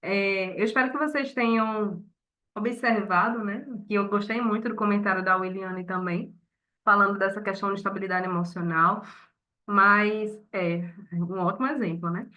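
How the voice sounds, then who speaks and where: A woman teacher closing an online class, speaking softly and in a friendly way because she has a cold. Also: medium pitch, fairly even intonation, normal speed, dull audio.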